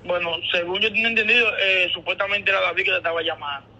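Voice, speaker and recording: Over a loud crowd, a Dominican man on speakerphone speaks quickly in a high voice with fairly even intonation. The call is casual, tinny and muffled, and he explains himself haltingly, repeating words.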